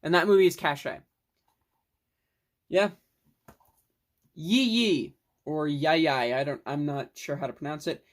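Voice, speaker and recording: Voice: mid-range voice, normal speed, pauses often. Rambling, enthusiastic young film fan. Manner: rambling and enthusiastic, with mild swearing. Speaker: film collector vlogger. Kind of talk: casual film review monologue.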